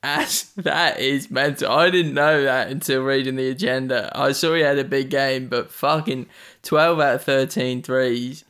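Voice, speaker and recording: A man's voice: mid-range voice, steady tone, a little slow, a bit bright, smooth. A man co-hosting a casual sports podcast, laid-back and joking, with the odd swear word. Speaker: podcast co-host.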